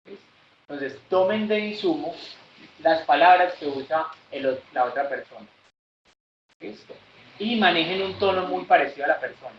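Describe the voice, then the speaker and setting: A man leading a sales workshop, explaining and acting out customer calls in a lively manner. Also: a little high, normal speed, a little hiss or hum. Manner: lively, acts out callers in raised voices. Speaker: sales trainer. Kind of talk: workshop lesson with acted examples. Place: training room. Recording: echoey room, distant dull mic.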